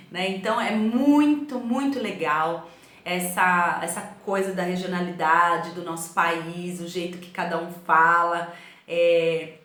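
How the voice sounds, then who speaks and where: Animated São Paulo teacher, echoey room. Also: female voice, fairly low pitch. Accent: São Paulo Portuguese. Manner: storytelling, animated, asks the class "né?". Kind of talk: recorded remote class.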